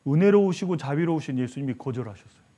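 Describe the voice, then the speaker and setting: A male pastor preaching a sermon, telling a story with lively acted-out voices. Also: fairly high pitch, fast talker. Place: church sanctuary.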